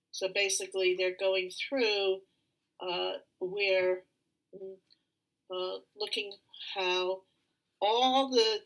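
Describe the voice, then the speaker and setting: A middle-aged woman, a feng shui consultant, gives a slide presentation with many fillers and a lot of throat clearing. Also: mid-range voice, a bit bright, low-quality recording. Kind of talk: live online presentation with slides.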